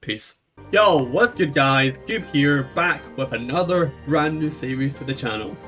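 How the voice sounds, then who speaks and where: A man's voice: a little high, unhurried, pushed and bright. A man with a thick Scottish accent, chatting casually through a game he plays, rambling with lots of fillers. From Scotland. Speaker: gaming YouTuber. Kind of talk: casual let's play commentary. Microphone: echoey home mic. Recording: slightly echoey mic, faint game music.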